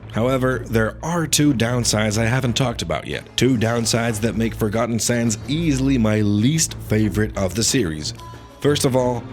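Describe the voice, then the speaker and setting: A man narrating a scripted video game review in an opinionated, critical manner. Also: mid-range voice. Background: faint background music.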